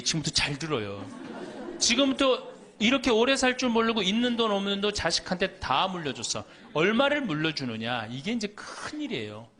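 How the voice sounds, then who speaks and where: Priest, middle-aged man, humorous lecture; high voice, lively swings, playful quoting. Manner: lively, joking, quotes people in little voices.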